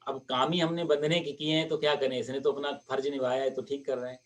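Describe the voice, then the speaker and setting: A man's voice: medium pitch, little pitch movement, fast, recorded from a distance, close to an everyday voice. A man voicing a humble, simple old male saint who pleads earnestly in a story sermon.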